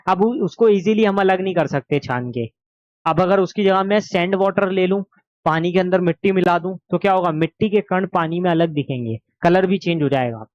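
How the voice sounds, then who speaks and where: A man's voice: high voice, darkish tone, no echo, dull audio. A man with a sore throat teaching an exam revision lesson, explaining patiently and asking and answering his own questions.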